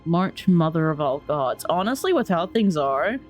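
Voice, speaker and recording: A woman's voice: sits low, very animated, moderate pace, soft background music. A woman giving casual let's play commentary, informally musing aloud as she plays and reads along. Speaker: gaming streamer.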